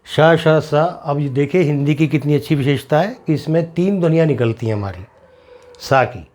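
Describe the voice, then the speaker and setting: A man's voice: on the high side, animated, mellow. A man teaching a lesson on the sounds of the alphabet, sounding out syllables one by one and explaining patiently. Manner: slow, deliberate, repeats syllables to demonstrate sounds; explains patiently, asks students if it is clear. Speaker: Hindi teacher. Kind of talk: classroom lesson on pronunciation.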